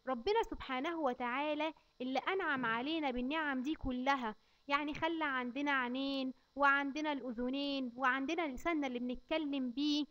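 A woman with an Egyptian Arabic accent teaching small children to recite, slowly drawing out each phrase for them to repeat. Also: high-pitched, a bit bright, highs cut off. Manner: slow, drawn-out recitation for repeating. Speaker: kindergarten teacher.

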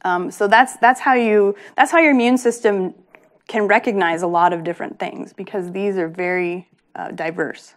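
A woman's voice: medium pitch, fairly even intonation, moderate pace. Woman explaining science to a lay audience. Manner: patient, plain explanations with frequent ums. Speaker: research scientist giving a talk. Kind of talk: explanatory public lecture.

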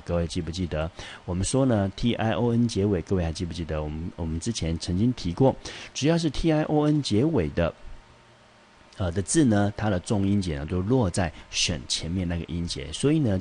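A male English teacher, giving a vocabulary lesson, spelling out syllables and repeating each word slowly. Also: low-pitched, a little mellow, slight background noise. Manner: peppers speech with "好" and "呢".

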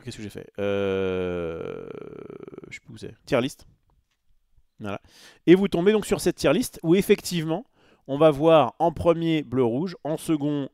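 A man's voice: medium pitch, a little mellow, dry recording, clean studio sound. A man chatting casually on a live stream, rambling with many fillers and restarts and answering his chat.

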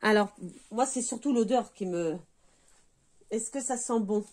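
A middle-aged woman from France hosts a casual unboxing vlog. Her voice sits a little high, and she talks at an unhurried pace. She keeps up a chatty, enthusiastic stream of exclamations. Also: darkish tone. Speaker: beauty vlogger.

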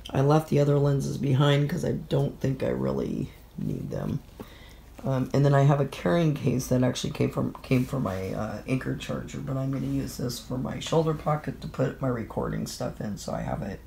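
A middle-aged woman with a bad cold sniffles through a casual gear vlog recorded in a room at home. Her stuffy, nasal voice is rumbling low, creaky, and dark.

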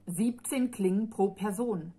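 A woman voicing a businesslike male innkeeper who is curt, unrelenting and smug, in a slow, breathy reading. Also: mid-range voice.

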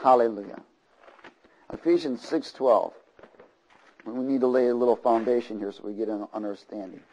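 A man's voice: mid-range voice, moderate pace, dark tone, lo-fi sound. A man preaching a sermon to a congregation, with rhythmic repeated phrases and frequent checks for agreement. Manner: asks the congregation for call-and-response agreement. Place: church before a congregation.

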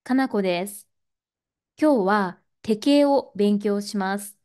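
Slow, carefully enunciating Japanese teacher woman. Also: medium pitch, a little mellow. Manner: deliberate, carefully enunciated pronunciation. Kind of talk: slow, clear verb drill for learners.

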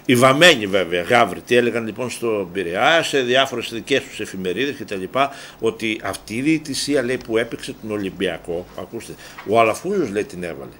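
A man hosting a local TV sports talk show, speaking in a heated, mocking way that rises to loud, indignant outbursts. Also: lowish voice, lively intonation, slight background noise. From Greece.

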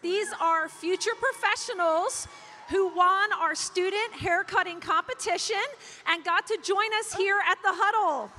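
A woman's voice: extremely high pitch, unhurried, slight background noise. A woman hosting an event and enthusiastically announcing award winners. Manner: upbeat, enthusiastic presenter. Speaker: event host.

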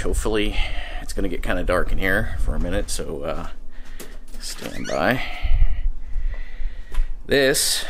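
A man's voice: low-pitched, fairly bright tone, reverberant, a little hiss or hum. A man in his forties, a host chatting casually and self-deprecatingly as he walks through a big cluttered home garage workshop on a handheld camera. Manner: chatty, self-deprecating, loose with ums and laughs. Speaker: DIY video host. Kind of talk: casual walkthrough vlog. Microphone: handheld camera mic.

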